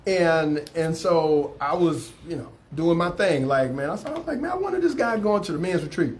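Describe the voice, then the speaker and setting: A man's voice: a little high, very animated, normal speed, a little hiss or hum. Affirming man hosting a talk show. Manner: affirming, repeats words often. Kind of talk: casual interview chat.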